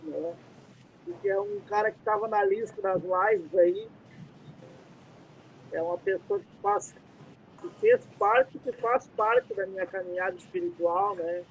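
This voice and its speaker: A Brazilian man hosting a casual live stream from a dim room, talking in a rambling way with many fillers. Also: vocal fry. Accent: Brazilian Portuguese. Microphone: computer mic, headset removed. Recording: muffled lo-fi audio with faint rumble.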